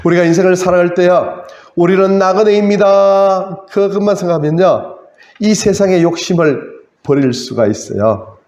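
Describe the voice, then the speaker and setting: A man's voice: sits high, normal speed, darkish tone. Dramatic Korean preacher man, echoey. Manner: dramatic, acts out tearful prayers to God. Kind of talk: sermon.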